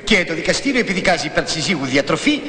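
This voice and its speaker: A dry judge quizzing folks, voice swings a lot, echoey old film sound. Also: male voice, on the high side, big pitch swings, bright, forceful tone. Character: dry courtroom judge, unimpressed. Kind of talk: 1980s Greek film comedy acting.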